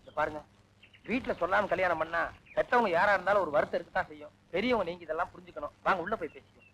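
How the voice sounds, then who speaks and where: An actor playing a bossy, stubborn elder brother in a village comedy, brusque and bickering. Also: male voice, sits high, racing, fairly bright tone, slight background noise, poor audio. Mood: placating. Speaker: head of the family, elder brother. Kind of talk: 1980s film comedy acting.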